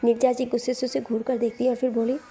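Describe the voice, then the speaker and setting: A woman telling a romantic story in steady, dramatic scripted narration. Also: a little high, fast, slightly rough.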